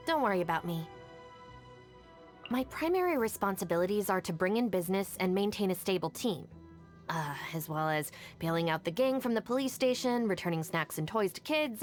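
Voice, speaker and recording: An actress voices a young female gang deputy in a video game, capable and no-nonsense, delivering her lines in a matter-of-fact, composed, brisk way with dry self-assurance. Her medium-pitched voice is expressive yet natural, and faint music plays behind her.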